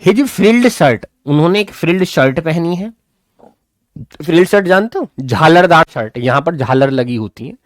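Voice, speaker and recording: A man's voice: a little high, moderate pace, no echo, clean studio sound. A man teaching a lesson casually, reading English lines aloud and explaining them in a chatty way. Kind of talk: casual classroom-style lesson.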